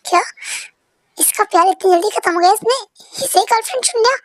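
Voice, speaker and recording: A woman's voice: extremely high pitch, a little fast, a bit bright, no room sound, studio quality, pitched above the performer's own voice. A woman voicing a shy, jealous young man in love, in a fan-dubbed story, pleading and emotional.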